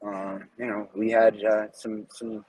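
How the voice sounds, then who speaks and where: A man in his thirties, a former Navy medic, talking casually as a podcast guest, relaxed and hesitant with many fillers. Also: lowish voice, measured pace, dry recording, poor audio. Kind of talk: casual interview conversation. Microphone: podcast microphone.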